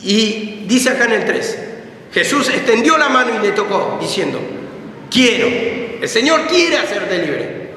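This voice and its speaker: High-voiced fervent Rioplatense preacher. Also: male voice, sing-song, normal speed, bright, forceful tone. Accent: Rioplatense Spanish. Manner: fervent preaching, repeats phrases for emphasis. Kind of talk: sermon. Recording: echoey hall with faint ambient noise.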